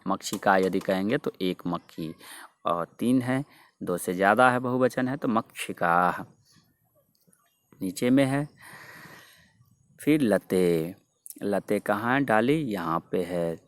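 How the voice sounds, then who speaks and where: A man's voice: on the low side, slow, long pauses, dry recording. A male teacher explaining grammar and reciting word forms for students to repeat. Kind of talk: Sanskrit grammar lesson with drills.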